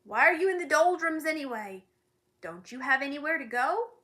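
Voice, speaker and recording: A woman voicing a large, impatient watchdog with a ticking clock body, in a storybook reading, gruff and scolding. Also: fairly high pitch, big pitch swings, measured pace, sharp tone, full character voice. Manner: growling, barking, scolding.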